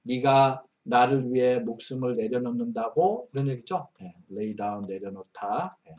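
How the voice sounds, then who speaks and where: A man's voice: medium pitch, a little slow, a little mellow. A man teaching an English Bible lesson, patiently explaining and translating phrase by phrase. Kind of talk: verse-by-verse language lesson. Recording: distant, dull lo-fi mic.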